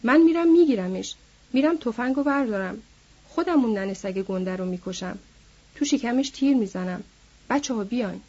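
A woman voicing a hot-headed, vengeful young man who issues angry threats, in a husky voice. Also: on the high side, expressive. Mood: furious. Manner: shouting, furious threats. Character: hot-headed young male ranch boss's son, vengeful. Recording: dull lo-fi recording.

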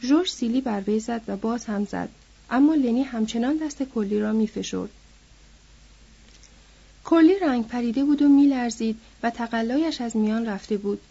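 A woman reading a novel aloud in a steady storytelling manner, on a dull lo-fi recording. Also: fairly high pitch, gravelly, slightly rough. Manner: steady storytelling, lifting her voice for quoted characters.

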